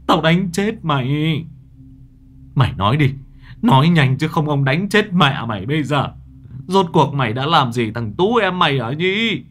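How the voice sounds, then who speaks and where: A man voicing a frantic, grief-stricken old grandfather who shouts in a raised, strained voice. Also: a little high, voice pushed up.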